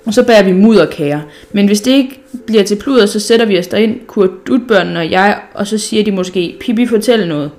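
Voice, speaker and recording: A woman's voice: medium pitch, few pauses, darkish tone, faint music behind, close to an everyday voice. A woman reading aloud a bold, cheeky young girl from a storybook, chatty and full of fanciful plans. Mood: playful.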